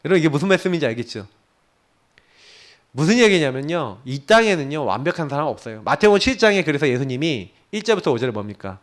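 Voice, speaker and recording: A male pastor preaching a sermon in an animated way, sometimes dropping into a hushed prayer voice. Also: a little high, fast talker.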